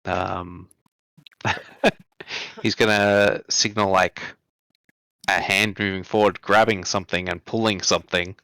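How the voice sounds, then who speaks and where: Slow-talking man playing a tabletop game. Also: low voice, level tone, pushed and bright, smooth, dry recording. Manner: hesitant, describing his character's actions. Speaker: player. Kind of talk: casual game chat.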